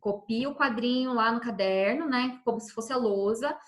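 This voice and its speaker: Brazilian woman, schoolteacher giving a remote class, patient and repetitive, high voice in a roomy space. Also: normal speed. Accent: Brazilian Portuguese. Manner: patient, repeats and checks understanding with "tá bom?". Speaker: teacher.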